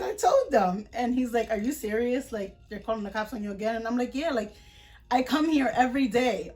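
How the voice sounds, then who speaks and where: A young woman tells a story to her vlog audience in a casual, indignant voice. She talks in quick runs of retold dialogue with plenty of fillers and restarts. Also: on the high side, darkish tone. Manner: indignant, chatty retelling with many fillers. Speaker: vlogger.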